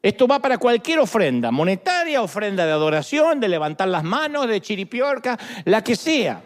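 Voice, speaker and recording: A man in his fifties with an Argentine accent, preaching a sermon in a lively, joking way. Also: sits high, moderate pace. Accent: Argentine Spanish. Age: 50s. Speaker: pastor.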